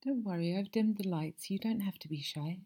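A woman performing an ASMR audio roleplay as a masseuse, talking softly and soothingly and often slipping into whispers. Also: medium pitch, a little fast, slightly rough.

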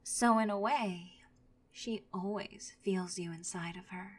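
A woman's voice: mid-range voice, measured pace, close to an everyday voice. A woman voicing a vindictive jilted ex-girlfriend in an audio roleplay, often whispering as she gloats. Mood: taunting.

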